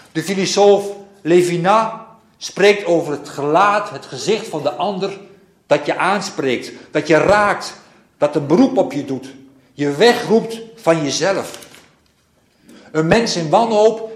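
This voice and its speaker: A man delivering a sermon at a very slow, deliberate pace, his voice sitting a little higher than most men's. He dwells on repeated phrases in a measured, reflective way. The sound rings with the echo of a church hall. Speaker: preacher.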